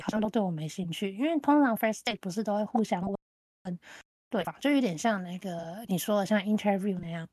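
Podcast co-host: woman, chatty storyteller who acts out quotes, mid pitch, dry close recording. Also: dry recording. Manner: lively storyteller who acts out the other person's lines. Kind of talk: casual chat, storytelling.

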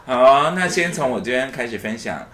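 A man's voice: medium pitch, animated, moderate pace, fairly bright tone, a little hiss or hum. A man from Taipei with a Taiwanese Mandarin accent, hosting a casual podcast chat and laughing often. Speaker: podcast host.

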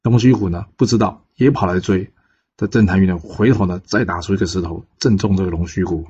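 A man with a Taiwanese Mandarin accent telling a classic tale in a casual, relaxed way, pausing often on filler particles. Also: deep voice, husky. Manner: relaxed, frequent drawn-out pause particles. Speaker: storyteller. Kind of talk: casual storytelling narration. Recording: dull lo-fi podcast recording.

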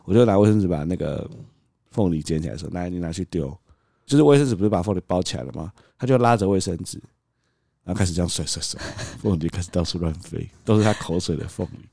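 A man's voice: low-pitched, fast talker, vocal fry, no room sound, clean studio sound. A father, co-hosting a podcast and animatedly acting out a story about his toddler, laughing as he goes. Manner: animated, acts out scenes, laughs often. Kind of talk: casual storytelling chat.

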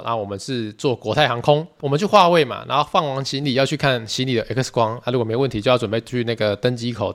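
A man in his thirties with a Taiwanese Mandarin accent, hosting a solo podcast and telling stories in a chatty, animated way. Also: medium pitch. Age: 30s. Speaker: podcast host.

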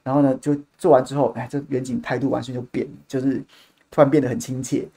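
A man hosting a podcast, telling a story in an animated, casual way and repeating words as he goes. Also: medium pitch, fast, husky. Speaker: podcast host.

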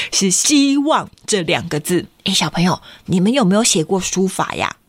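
A woman's voice: on the low side, big pitch swings, unhurried, slightly rough, no room sound. A woman storyteller reading a picture book to young children, guiding them with frequent questions. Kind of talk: interactive picture-book read-aloud for children.

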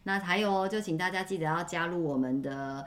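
Low-voiced, fast-talking woman host. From Taiwan. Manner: brisk, drops English words into her talk. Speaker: podcast host. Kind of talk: casual chat.

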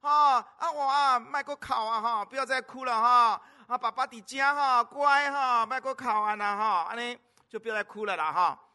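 A man's voice: normal speed, bright, forceful tone, exaggerated voice. A man voicing a cheerful old grandmother who coos and fusses, with words. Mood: coaxing. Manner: high, gushing, coaxing.

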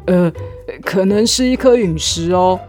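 A woman's voice: on the low side, measured pace, a little mellow, soft background music, voice pushed down, close to an everyday voice. A woman voicing a timid, jittery elephant. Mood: sheepish. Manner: jittery, stammering in fright. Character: timid male elephant, big but scared of dark.

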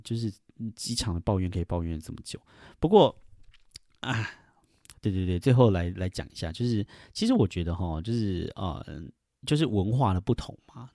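A man's voice: low-pitched, a little mellow, no echo, studio quality. A middle-aged man hosting a casual solo podcast, rambling and chuckling, with many fillers. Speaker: podcast host.

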